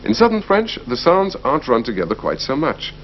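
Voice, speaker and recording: A man's voice: mid-range voice, brisk. A man presenting a language course in scripted, explanatory narration. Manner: clear, explanatory, lively delivery. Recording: slightly muffled broadcast audio, faint hiss.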